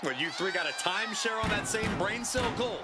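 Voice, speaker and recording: An actor playing a wisecracking wrestling commentator who trades jabs in a game. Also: male voice, sits high, expressive, brisk, loud music behind the voice, a loud crowd. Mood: wry. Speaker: color commentator.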